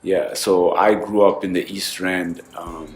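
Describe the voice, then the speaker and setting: A man from South Africa in his thirties answers interview questions in loose, rambling speech, full of fillers and restarts. His voice sits fairly low. The room rings with echo, and faint music plays underneath. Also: steady tone, a little slow. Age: 30s. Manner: talkative, many fillers and restarts. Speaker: interview guest, forex trader and author. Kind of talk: casual interview.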